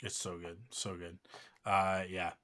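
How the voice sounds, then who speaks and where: Male podcast host, low-ish voice, rambling and heartfelt. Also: flat delivery, unhurried, fairly bright tone. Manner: rambling, emotional, many fillers and restarts. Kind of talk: casual podcast chat.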